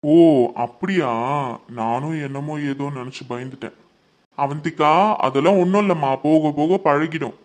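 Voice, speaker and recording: A man playing a caring adult son who gently reassures his mother and sister. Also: a little high, moderate pace, natural voice.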